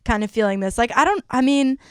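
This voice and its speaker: A woman's voice: on the high side, quick pace, clean tone, no echo, clean studio sound. A young woman in her twenties hosting a casual podcast chat, telling stories with acted-out quotes. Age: 20s. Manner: animated storytelling with acted-out quotes. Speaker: podcast host.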